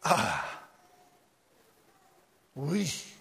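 A man's voice: fairly high pitch, huge pitch swings, very slow, vocal fry, a bit bright, husky. A man preaching a sermon. He talks in a hesitant way, often loses his place and repeats himself. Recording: long reverb of a large hall.

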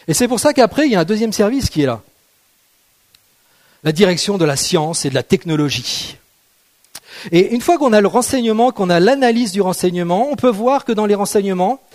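High-voiced man preaching a sermon. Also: a little mellow. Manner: conversational, asks the congregation rhetorical questions; playful, jokes with the audience.

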